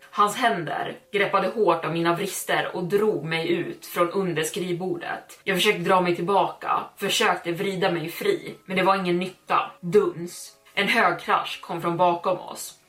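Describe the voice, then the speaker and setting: A woman's voice: fairly low pitch, a bit bright. A woman hosting a podcast, narrating a first-person horror story in a tense reading.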